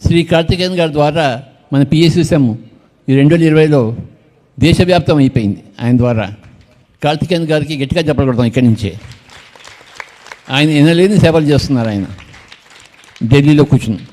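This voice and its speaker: A man's voice: fairly high pitch, a little fast, long pauses, a little mellow, slight background noise. An older man, leading a meditation gathering and speaking informally, with joking, teasing asides to people in the crowd. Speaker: meditation movement leader.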